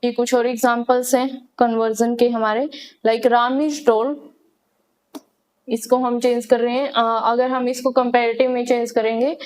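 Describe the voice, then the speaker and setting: This English grammar teacher, a woman, has a fairly high, clean-toned voice with little pitch movement. During her classroom lesson she explains step by step, asks and answers her own questions, and spells out examples slowly.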